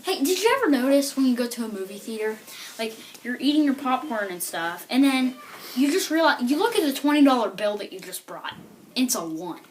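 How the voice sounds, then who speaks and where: Woman doing stand-up storytelling, rambling delivery, slightly high voice, noisy recording. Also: sing-song, a little fast. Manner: rambling, lots of "like" and "you know".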